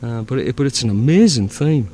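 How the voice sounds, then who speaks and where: A man with a Northern English accent in relaxed conversation, circling his point with fillers and restarts. His pitch sits in an ordinary middle range. A faint hiss runs underneath. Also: a little fast. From north of England. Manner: rambling, many fillers and restarts, easy laughter. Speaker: fan audio drama producer. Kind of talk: casual chat.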